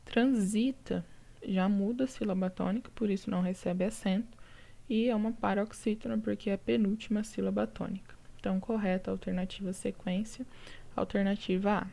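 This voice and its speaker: Gravelly-voiced Brazilian woman teacher. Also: medium pitch, level tone, brisk, mellow. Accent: Brazilian Portuguese. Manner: patient, explaining step by step with frequent "tá?" checks. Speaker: Portuguese teacher. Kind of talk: recorded lesson going over exercises.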